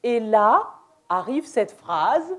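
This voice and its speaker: A woman presenting a deaf ministry workshop in a church, playful and quick to laugh, with hesitant restarts. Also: a little high, big pitch swings. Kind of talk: interactive church workshop talk. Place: church hall, indoors.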